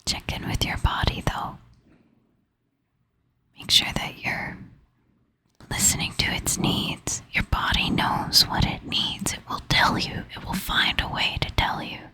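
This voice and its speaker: A woman speaks almost entirely in a breathy whisper, sometimes rising to a soft half whisper. She takes her time, slow and unhurried, and sounds sleepy and tired. Her whisper has a bright, crisp edge. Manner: soft, slow, intimate whispering with gentle laughs. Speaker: ASMR creator. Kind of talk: ASMR whispered chat to the viewer.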